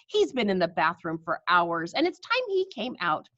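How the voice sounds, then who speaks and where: A woman's voice: on the low side, sing-song, normal speed, pushed and bright, highs cut off, full character voice. A woman voicing a cool, affectionate old storybook grandmother with a sing-song, chatty way of talking. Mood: coolly chatty.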